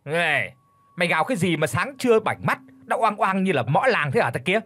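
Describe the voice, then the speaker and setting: A man voicing a gruff, bullying older village deputy chief in an audiobook, barking and scornful. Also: on the high side, big pitch swings, normal speed, fairly bright tone, no echo, heavily acted.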